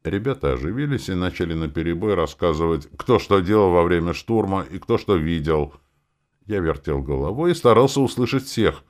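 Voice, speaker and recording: A man narrating a first-person audiobook in an expressive way, switching into character voices. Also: deep voice, brisk.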